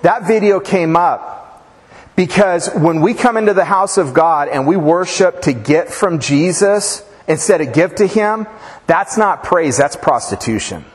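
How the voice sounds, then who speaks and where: A man preaches in a loose, chatty way, wandering into stories and side comments with plenty of fillers. His voice sits a touch high for a man. The sound rings out with a long reverb from a church sanctuary. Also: animated, measured pace. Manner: informal, rambling asides with fillers and restarts. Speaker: pastor. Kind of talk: conversational sermon with storytelling.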